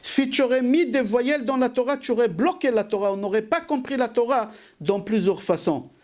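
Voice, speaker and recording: A rabbi giving a sermon, who asks rhetorical questions, answers them himself and repeats key phrases for emphasis. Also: male voice, very high-pitched, brisk.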